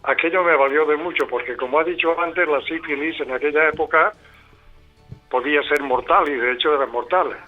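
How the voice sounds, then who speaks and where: Older guy on a tinny phone line, slightly high voice, faint music behind, slow choppy phrasing. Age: 70s. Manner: unhurried, speaks in short broken phrases. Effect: over the phone. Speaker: caller. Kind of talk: call-in radio comment.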